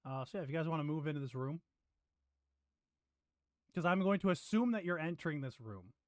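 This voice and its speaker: A man running a tabletop game on a live stream as game master, energetic, scattered and swearing. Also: a little high, a little fast, no room sound.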